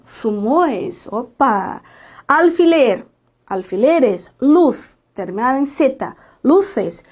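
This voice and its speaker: A woman's voice: high-pitched, lo-fi sound. A woman teaching a language class online, explaining grammar exercises patiently and encouraging students, often checking in with short questions. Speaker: Spanish teacher.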